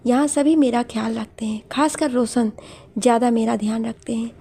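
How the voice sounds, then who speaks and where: A hurt young bride, quiet and withdrawn, as a woman storyteller reads her. She speaks in a restrained, subdued way, and her voice is warm, somewhat high and breathy. The narration comes from an audio storybook. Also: steady tone, moderate pace.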